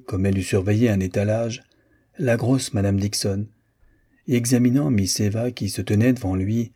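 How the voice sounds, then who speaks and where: Homme à la voix sombre et voilée. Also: male voice, warm tone, breathy edge. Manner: acts out each character with raised pitch. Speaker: audiobook reader. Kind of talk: scripted narration.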